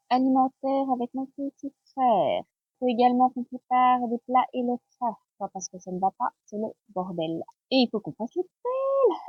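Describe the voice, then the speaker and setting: Lively, chatty French woman vlogging. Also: a little high, husky, no echo, muffled recording. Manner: chatty, unboxing gifts aloud. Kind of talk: casual vlog chat.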